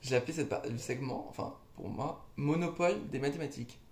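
Fast-talking young man in an echoey room. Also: mid-range voice, a little mellow. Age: young adult. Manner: slangy, informal phrasing. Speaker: co-host. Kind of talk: casual conversational podcast chat.

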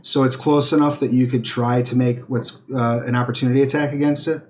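A man running a tabletop game as game master, narrating in an unhurried way with many ums. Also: medium pitch, level tone, darkish tone. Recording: noisy home recording.

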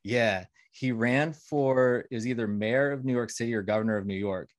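A man's voice: mid-range voice, normal speed, no room sound, clean studio sound. A man hosting a casual podcast interview, asking questions and chatting with many hesitations. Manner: chatty, hesitant with fillers, laughs easily. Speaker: podcast host.

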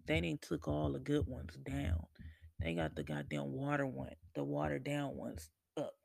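A man hosting a podcast, chatting casually and laid-back, swearing freely and laughing often, with a gravelly, husky voice. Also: medium pitch, moderate pace, darkish tone, no room sound. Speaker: podcast host. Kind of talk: casual solo chat.

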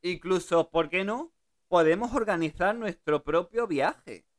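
A woman's voice: lowish voice, a little slow. A woman hosting a radio show, chatting casually with a guest and laughing easily. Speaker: radio host.

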